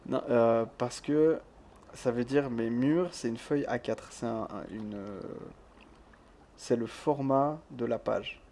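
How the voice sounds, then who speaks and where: A man's voice: medium pitch, dark tone, a little hiss or hum. A male streamer who keeps his voice down, chatting casually as he plays a game and reads the chat, laughing often. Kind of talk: casual let's-play chat. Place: home room with thin walls.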